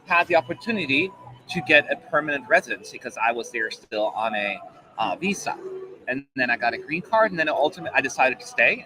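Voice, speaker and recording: A forties-aged live-stream host, German-born but living in America, talks casually and fills his speech with fillers, a slight German accent beneath mostly American pronunciation. His pitch is medium, and the background is noisy.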